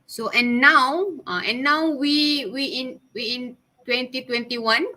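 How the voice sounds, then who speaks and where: A woman's voice: high voice, takes it slowly, sharp tone. A woman in her twenties with a Malaysian English accent, casually presenting to her class, chatty and giggly, slipping Malay words in. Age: 20s. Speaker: student presenter.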